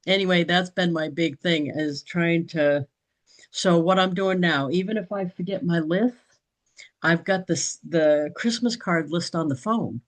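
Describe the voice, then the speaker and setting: Speaking at a measured pace in a voice on the low side, a business training participant rambles casually in a group meeting, frequently starting over and laughing softly. The recording quality is low.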